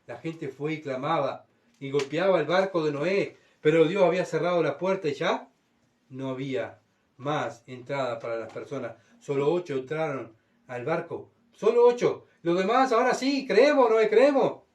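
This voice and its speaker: A pastor preaches a sermon in a man's voice that is on the high side, expressive, a little mellow, and at a moderate pace. He reads scripture and dramatically acts out voices, speaking as God and mocking crowds in heightened tones, with big swings. His voice is picked up from far off the mic.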